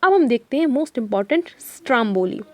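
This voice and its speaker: High-voiced woman teaching exam tricks. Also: expressive, quick pace, dark tone, no echo. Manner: chatty, storytelling, asks students questions. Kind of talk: exam-prep lesson with memory tricks.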